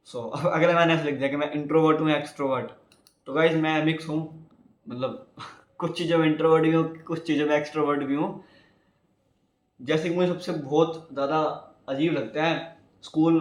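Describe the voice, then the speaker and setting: A man's voice: on the high side, reverberant. A young man from India talking casually to his viewers, rambling and chatty, often calling them guys. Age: young adult. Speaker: YouTuber. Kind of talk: casual vlog talk.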